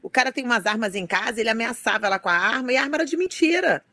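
A woman's voice: fairly high pitch, expressive, very fast, sharp tone. A woman telling an emotional story in casual chat.

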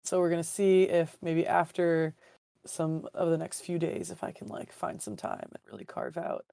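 Hoarse woman podcaster with a lowish voice. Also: level tone, moderate pace, mellow, no room sound, clean studio sound. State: hoarse, getting over a cold. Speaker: podcast co-host. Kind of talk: casual book discussion.

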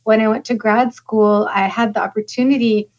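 A woman's voice: a little high, steady tone, moderate pace, darkish tone. Woman from lebanon in her 40s, chatty interview guest, kinda dull muffled audio. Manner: chatty and candid, talks in long winding stretches. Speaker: guest, lecturer. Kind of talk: podcast interview.

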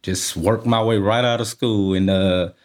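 A man's voice: on the low side, unhurried. A man with a Midwestern American accent, a labor organizer who recounts his past casually and acts out the quotes he tells. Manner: casual, animated retelling with acted-out quotes. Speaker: labor organizer, former fast-food worker. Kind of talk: interview storytelling.

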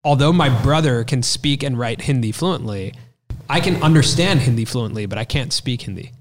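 A man's voice: medium pitch, expressive, normal speed, in a large hall, faint music behind. A man with an American accent, speaking conversationally as an interviewer on a podcast. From United States.

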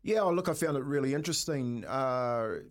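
A man with a broad New Zealand accent co-hosting talk radio in a halting, wordy, earnest way. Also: mid-range voice, expressive. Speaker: radio co-host. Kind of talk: conversational radio commentary.

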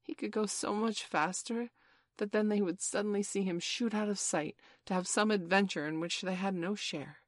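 A woman narrating a children's storybook in a measured, expressive reading voice. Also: medium pitch, no room sound, studio quality. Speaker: audiobook narrator.

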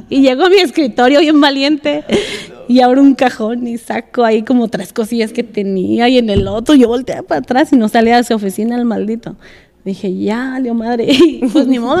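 A woman telling a story in a relaxed podcast chat, laughing often and slipping English words in. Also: a little high, big-room sound. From United States. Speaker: podcast guest, escaramuza rider.

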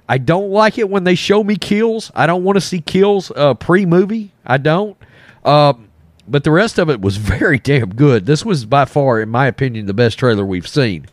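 A man's voice: mid-range voice, no echo. A man giving casual, blunt reaction commentary as a host, his voice thick from a cold and a sore, swollen throat. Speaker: host of a film reaction channel.

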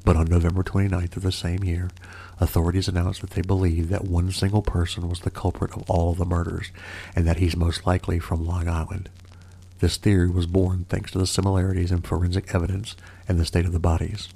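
A man narrating scripted true crime with an ASMR twist, in the theatrical, mock-genteel and droll manner of a horror host, his voice gravelly. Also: low voice, little pitch movement, brisk, warm tone, low-quality recording.

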